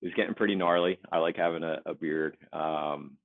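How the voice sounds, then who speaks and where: A man in his forties from the Philadelphia suburbs, chatting casually as an interview guest in a relaxed, rambling, self-deprecating way over a remote call. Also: a bass voice, brisk, creaky, no room sound. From Philadelphia suburbs, USA. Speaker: guest, Navy veteran. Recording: tinny phone-like dry line.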